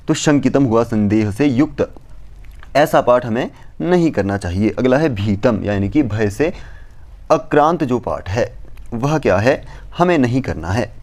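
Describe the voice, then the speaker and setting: Man teaching, steady and measured. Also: mid-range voice. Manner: recites verses slowly, then explains in measured steps. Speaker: Sanskrit teacher. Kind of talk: explanatory lecture.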